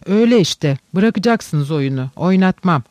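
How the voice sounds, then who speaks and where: A man voicing a stern, upright young gentleman who gives firm, booming commands. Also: expressive, moderate pace, dry recording.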